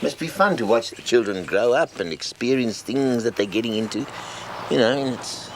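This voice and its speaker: Actor as animated, simple South African petrol attendant. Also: male voice, mid-range voice, normal speed, a little hiss or hum, natural voice, rough recording. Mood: wistful. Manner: hesitant, chatty, tags sentences with "eh" and "you know". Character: amiable, simple-minded, wistful male petrol attendant. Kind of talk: naturalistic screen comedy acting. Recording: music behind the dialogue.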